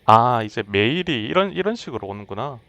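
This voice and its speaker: A man's voice: medium pitch, sing-song, rapid-fire, pushed and bright. A man giving casual gameplay commentary as a streamer, with faint noise behind him. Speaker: game streamer.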